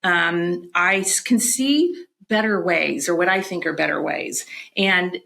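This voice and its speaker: A middle-aged woman, a podcast guest, chatting casually and telling animated stories, often restarting her sentences. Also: on the low side, a little slow, gravelly. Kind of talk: casual chat.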